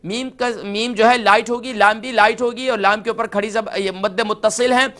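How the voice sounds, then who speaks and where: High-voiced man teaching Quran pronunciation. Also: fairly even intonation, a bit bright. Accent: Pakistani Urdu. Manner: models each word slowly, then explains the rules. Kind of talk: tajweed lesson, explaining pronunciation.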